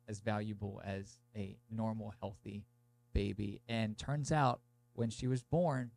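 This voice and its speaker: A man's voice: on the low side, creaky, darkish tone, low-quality recording. A young man hosting a podcast in a casual, meandering monologue, sounding congested, with a blocked nose and sore throat from a cold. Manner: informal, meandering, peppered with "like". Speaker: podcast host. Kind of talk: casual monologue to listeners, introducing an episode.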